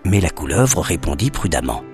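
A man narrating a children's story expressively, dropping to a hush at suspenseful moments. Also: low voice, very animated, moderate pace, faint music behind.

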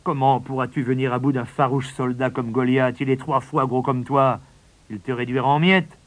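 A man's voice: mid-range voice, level tone, moderate pace, close to an everyday voice. A man voicing an older king who speaks with commanding force in a storybook reading. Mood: doubtful. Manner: thundering, commanding.

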